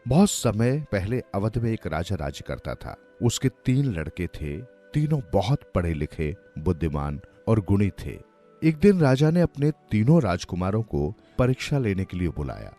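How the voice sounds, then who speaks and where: A man narrates cartoon moral stories in an expressive, storytelling way. His voice is low but moves lively in pitch. Soft music plays behind him. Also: moderate pace.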